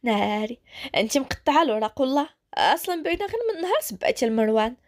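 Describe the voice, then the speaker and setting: A woman's voice: sits high, animated, quick pace. Teasing young cousin, voiced by a woman. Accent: Moroccan.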